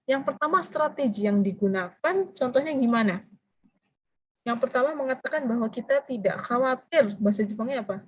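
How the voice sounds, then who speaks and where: Husky-voiced woman teaching a class. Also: on the high side, low-quality recording. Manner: quizzes the class with drawn-out prompting questions; switches between explaining and drilling phrases. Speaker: Japanese language teacher. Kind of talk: interactive classroom lecture.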